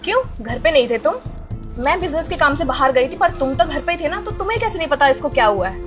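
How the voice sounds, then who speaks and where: An actress playing a wealthy wife and employer who scolds and commands indignantly, in a melodrama. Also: female voice, sits high, animated, fast, music in the background. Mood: accusing. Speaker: lady of the house. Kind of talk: social-media melodrama acting.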